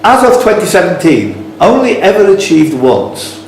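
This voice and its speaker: A man runs a quiz in an echoey indoor club room, reading questions with blunt, teasing, informal banter. His voice sits high and swoops wildly in pitch at a moderate pace. The room sounds very echoey, and faint background noise is audible.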